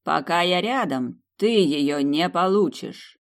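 A woman's voice: low voice, expressive, unhurried. Woman voicing a sly mocking demon man. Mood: stern. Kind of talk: audiobook character voice.

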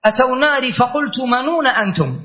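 A man teaching a classical grammar lesson, reciting verse lines slowly and then explaining them with frequent checking questions. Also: extremely high pitch, animated. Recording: dull lo-fi recording.

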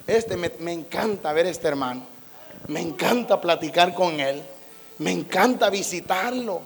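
A man preaches in a high voice. He tells folksy, homey stories and slips into playful voices as he acts them out. His voice rings through a reverberant church hall with faint music underneath. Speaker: pastor. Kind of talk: sermon.

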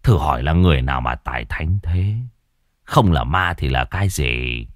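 A man voicing a superstitious older man near sixty, speaking low and hushed as he insists he saw a ghost. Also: expressive, normal speed, dry recording, clean studio sound. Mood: hushed, insistent.

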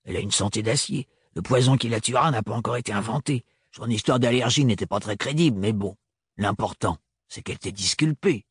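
A man reading an audiobook voices a brash young woman mechanic who talks gruff and slangy, in a husky voice. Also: lowish voice, fairly quick, no room sound, studio quality. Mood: offhand.

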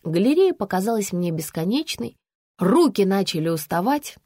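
A woman narrates a first-person novel in a brisk, expressive way. Her voice is lively and moves freely up and down, at a mid pitch. The recording is dry and close, with no room sound. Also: no echo. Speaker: audiobook narrator.

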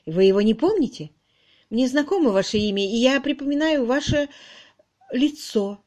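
A woman's voice: high-pitched, a little mellow, pitched above the performer's own voice. A woman voicing a composed, polite young woman in an audiobook. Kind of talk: audiobook reading.

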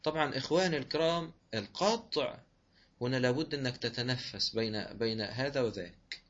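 A man's voice: medium pitch, a bit bright. Egyptian man teaching recitation rules, dull audio. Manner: patient, repeats rules slowly, asks and answers his own questions. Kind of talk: online tajwid lesson. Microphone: online voice room.

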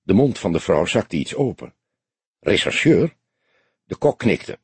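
A man narrating a detective audiobook in measured, lively scripted narration. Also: low voice, breathy edge, no room sound.

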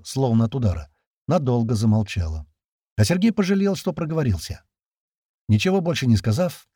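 A man doing scripted narration of an audiobook with expressive, steady storytelling. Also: mid-range voice, slightly rough, no room sound, clean studio sound.

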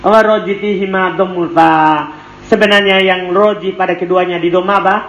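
A man's voice: high voice, steady tone, normal speed, a bit bright. A man teaching a classroom lesson, reading a text aloud, translating it and quizzing his students with questions. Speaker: teacher of Arabic morphology. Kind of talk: classroom lesson with call-and-response. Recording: echoey room, faint background noise.

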